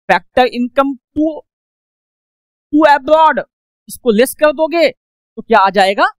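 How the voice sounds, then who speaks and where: A woman lectures in a classroom style, throwing out questions and answering them at once. Her voice sits a little high and leaps around, slipping English phrases in among the explanations. The sound is dry and close. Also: no room sound. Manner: asks questions and answers them herself, repeats points; mixes English phrases into Hindi speech. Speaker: teacher.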